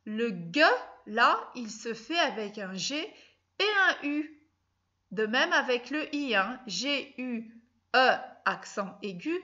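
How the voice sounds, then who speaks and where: A woman talks young children through a spelling lesson at a slow, patient pace, sounding out letters one by one. Her voice sits a little high and comes across bright and clear. The recording is somewhat dull and lo-fi. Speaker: primary school teacher.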